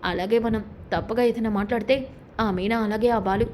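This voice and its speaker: A woman's voice: a little high, fairly even intonation, fast, a little mellow, a little hiss or hum, lightly acted. Woman reading a bossy, scheming mother-in-law. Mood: accusing. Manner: accusing, bossy. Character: scheming, sharp-tongued middle-aged mother-in-law.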